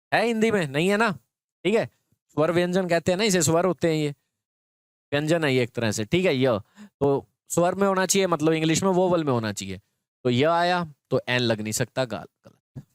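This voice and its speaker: Guy teacher doing an exam grammar class, clear smooth voice kinda high, walks through it step by step, dry close sound. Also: dry recording. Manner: explains step by step, often checks in with students. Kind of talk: exam prep grammar lesson.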